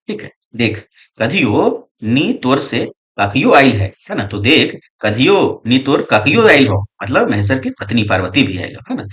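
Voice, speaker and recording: Lively male teacher. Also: medium pitch. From Jharkhand, India. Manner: reads dialect lines aloud then explains them, with constant tag questions. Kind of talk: exam-prep lesson explaining a story.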